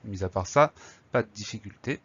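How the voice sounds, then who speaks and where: A man's voice: on the low side, moderate pace, a bit bright, breathy edge, dry recording, dull audio. A man teaching a spelling lesson, patiently breaking words into syllables and spelling them letter by letter.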